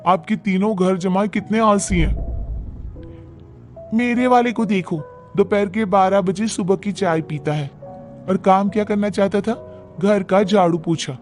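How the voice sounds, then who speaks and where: A man's voice: sits high, a little mellow. A man voicing a fed-up young working wife who complains about her lazy husband in a cartoon. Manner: complaining, exasperated.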